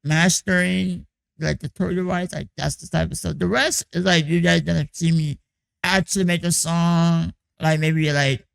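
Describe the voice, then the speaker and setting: Speaking at a moderate pace with a steady tone, a young man on the high side of the pitch range rambles through a casual vlog check-in on his music production boot camp. His voice is hoarse, raspy and croaky, and he keeps saying "like" and "you know."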